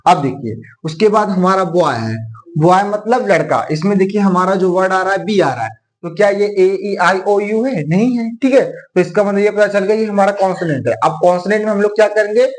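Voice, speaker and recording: High-voiced man teaching grammar. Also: moderate pace. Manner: repeats "theek hai" and "dekhiye" often, asks and answers his own questions. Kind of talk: explaining a lesson.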